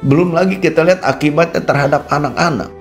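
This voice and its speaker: A man with an Indonesian accent preaching a radio sermon. He talks straight to his listeners and swings between low quiet asides and raised, emphatic peaks. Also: fast, soft background music. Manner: addresses listeners as "Saudara" constantly. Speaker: pastor. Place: radio studio.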